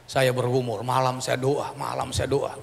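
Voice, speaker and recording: A man's voice: mid-range voice, moderate pace, vocal fry, slight background noise. A middle-aged man, a pastor, telling a personal testimony in a sermon, acting out the people in his story as he goes. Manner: animated storytelling, acting out dialogue. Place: church sanctuary. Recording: church hall reverb.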